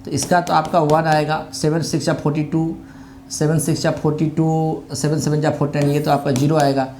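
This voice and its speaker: A man's voice: fairly high pitch, level tone, fairly quick, a little mellow, slight background noise. A man teaching an online exam-prep lesson in a chatty, conversational way, mixing English words into his Hindi and repeating tag phrases.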